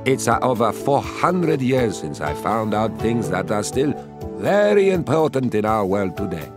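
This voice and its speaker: A man's voice: fairly low pitch, measured pace, music in the background. A man playing an elderly male astronomer who narrates his own life in a chatty, cheeky children's story. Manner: chatty and cheeky, with lively asides. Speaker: first-person narrator.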